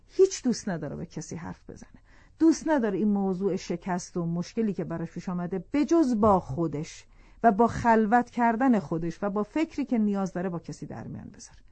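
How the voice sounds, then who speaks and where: A woman's voice: mid-range voice, warm tone, no room sound. A woman explaining the psychology of couples on a talk show in an earnest, lecturing way, restating her points for emphasis. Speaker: family psychology expert.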